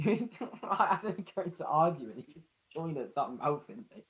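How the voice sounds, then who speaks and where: Husky man trading blunt banter. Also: a little high, sing-song, moderate pace. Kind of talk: casual gaming chat.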